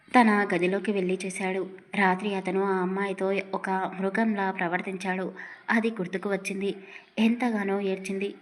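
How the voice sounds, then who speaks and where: A woman narrating a romantic audio story in an emotive, dramatic way. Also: medium pitch. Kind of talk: scripted narration.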